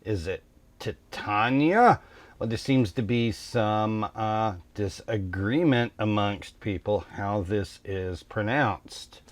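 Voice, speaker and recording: A man hosting a tabletop game channel, talking through a topic in a relaxed, thoughtful way with frequent ums and uhs. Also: fairly low pitch, slow, hardly any pauses, no room sound. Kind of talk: casual explainer talk.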